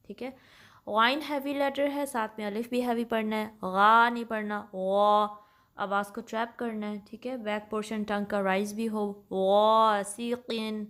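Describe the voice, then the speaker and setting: A woman teaching Quran recitation rules, explaining each sound patiently, switching between Urdu and English and reciting examples slowly. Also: mid-range voice. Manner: slows and recites Arabic examples louder. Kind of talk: tajweed lesson mixing Urdu and English.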